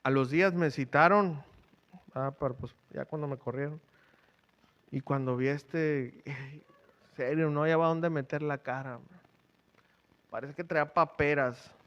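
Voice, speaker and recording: Preacher, higher-pitched man. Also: a little slow, long pauses, fairly bright tone, highs cut off. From Mexico. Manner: conversational preaching, quizzes the congregation with rhetorical questions. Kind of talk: sermon. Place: church.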